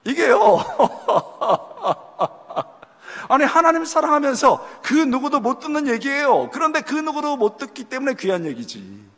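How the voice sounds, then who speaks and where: A man preaching a sermon to young adults, telling stories with lively delivery and acting out people's lines. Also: very high voice, measured pace. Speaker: pastor. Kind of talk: sermon at a youth retreat. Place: church sanctuary. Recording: long hall reverb.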